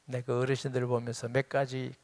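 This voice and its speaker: A man's voice: mid-range voice, completely flat delivery, fairly quick, darkish tone. A middle-aged man, preaching a sermon as pastor and acting out quoted dialogue with rising emphasis.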